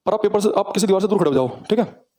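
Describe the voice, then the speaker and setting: A man teaching a physics lesson, dictating key sentences slowly and repeating them, then explaining directly to his students. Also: high voice, expressive, mellow.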